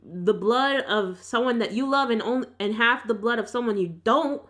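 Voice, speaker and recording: A woman chatting casually and arguing her point in an insistent, colloquial, animated way. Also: a little high, normal speed. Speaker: vlog host. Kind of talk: casual argumentative chat.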